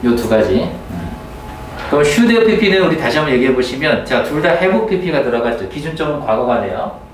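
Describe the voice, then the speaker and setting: A male teacher giving a grammar lecture to a class, often checking in with quick questions. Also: medium pitch, big pitch swings, slight background noise. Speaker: English teacher. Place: classroom with students. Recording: roomy classroom, mic at a distance.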